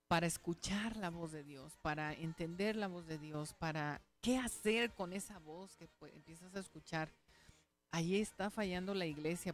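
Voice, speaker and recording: A woman pastor gives a radio sermon in a lowish voice. She talks earnestly and conversationally, checking in with her listeners as she goes.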